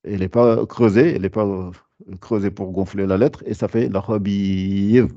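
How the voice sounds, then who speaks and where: Hesitant, gravelly-voiced male Quran reading teacher. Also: fairly low pitch, steady tone, normal speed, warm tone, no room sound, lo-fi sound. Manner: hesitant, many fillers and restarts; patient, repeats rules and reminders. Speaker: tajwid teacher. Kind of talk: live class explanation.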